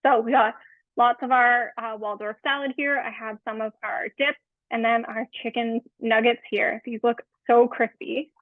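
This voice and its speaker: Woman dietitian, 30s, webinar guest; friendly explainer with lots of fillers, higher voice, tinny phone-like audio, dry. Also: flat delivery, normal speed, dry recording. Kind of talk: live webinar cooking demo. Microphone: remote webinar call.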